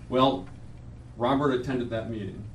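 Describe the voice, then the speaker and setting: A man addresses a memorial reading with reminiscence and verse. His phrasing is measured and deliberate, in a mid-range voice. He is heard from some distance in an echoey room, with faint noise behind him. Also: mid-range voice, fairly even intonation, a bit bright. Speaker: speaker at a poet's memorial reading. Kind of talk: informal reminiscence and poetry reading to an audience. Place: indoor room at a public reading, mic at a distance.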